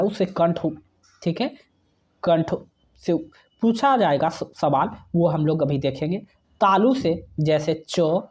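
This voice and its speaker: Slow, mellow-voiced teacher. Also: medium pitch. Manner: slow, deliberate, spells out sounds one by one; often checks in with "okay" to the viewer. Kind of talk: exam-prep grammar lesson.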